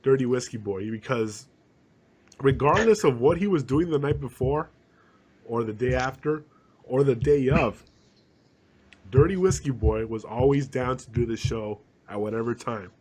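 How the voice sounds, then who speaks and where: A man with a stuffed-up voice from a cold chats loosely as a podcast co-host. His throat is a little hoarse. He rambles through fillers and restarts in relaxed back-and-forth talk. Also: medium pitch, moderate pace. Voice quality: throat kinda hurts, slightly hoarse. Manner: rambling, many restarts and fillers, laughs often. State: congested with a cold. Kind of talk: casual chat.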